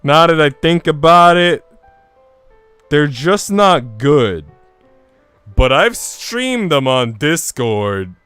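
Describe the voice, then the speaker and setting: With music in the background, a man streaming a game chats loosely and slangily, rambling as he goes. His fairly bright, smooth voice sits on the high side and has a sing-song lilt, slow with long pauses and no echo.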